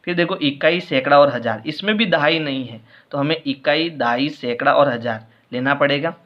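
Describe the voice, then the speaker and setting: A man's voice: a little high, moderate pace, muffled recording. A man teaching a maths worksheet lesson, patiently explaining step by step and repeating each answer.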